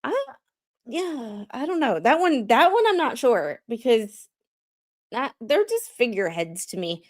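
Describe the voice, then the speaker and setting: Her pitch runs fairly high and sing-song. Hosting a livestream, this non-lawyer haltingly reads legal documents out loud and talks them over informally, often poking fun at herself.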